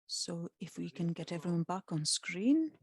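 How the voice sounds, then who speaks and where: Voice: mid-range voice, very animated, moderate pace, husky, dry recording. A simultaneous interpreter translating live in short chunks, keeping pace with the original speaker, heard over a video call.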